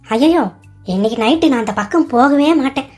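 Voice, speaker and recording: A woman's voice: high-pitched, lively intonation, a little fast, darkish tone, soft background music. A woman voicing a pleading young daughter-in-law. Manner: pleading, whiny, defensive. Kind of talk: cartoon voice acting.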